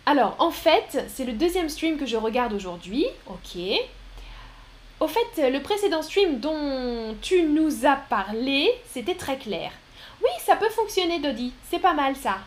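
Slow-speaking high-voiced French woman teacher. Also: big pitch swings. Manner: patient, repeats and explains phrases slowly; reads viewers' chat comments aloud. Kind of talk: live-streamed language lesson.

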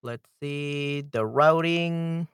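A man's voice: on the high side, extremely slow, fairly bright tone, smooth, no room sound. A man hosting a livestream, chatting casually and hesitantly, thinking aloud as he goes, close to the microphone. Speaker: livestream host. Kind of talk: casual livestream chat, troubleshooting audio.

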